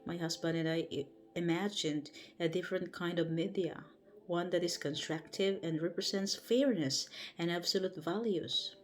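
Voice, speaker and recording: At home before bed, a woman with a Filipino accent and a lowish voice reads a book aloud on a livestream. She reads slowly and carefully, tripping on longer words and correcting herself, while soft music plays faintly behind her.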